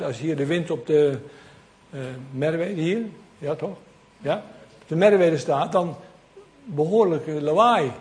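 Lively preacher, slightly high voice. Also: male voice. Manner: lively, conversational preaching with asides to the congregation. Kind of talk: sermon.

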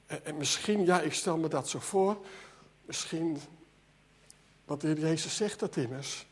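A man's voice: fairly high pitch, measured pace, breathy edge. A man preaching a sermon, earnest, often repeating words as his voice swells and sinks. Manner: earnest, repeats words, voice rises and drops sharply.

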